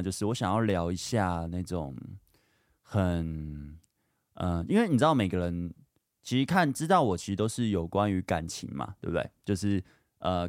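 Low-voiced and talkative, this young male podcast host tells personal stories in an open, filler-heavy way, getting animated during the retelling. It's a casual monologue recorded at studio quality without any echo.

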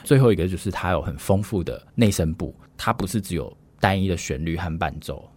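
A man, a music scholar explaining in a measured, lecturing way with frequent fillers. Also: deep voice, lively intonation, a little mellow, husky. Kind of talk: explanatory podcast conversation.

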